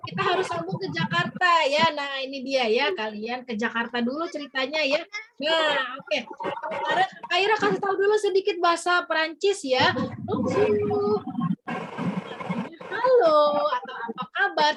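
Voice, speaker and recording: Cheerful coaxing woman teaching over a noisy call. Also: sits high. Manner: cheerful, coaxing, tags nearly every phrase with a questioning "ya". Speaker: teacher guiding a virtual field trip. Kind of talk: online lesson for young children. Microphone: video call. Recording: noisy online call audio.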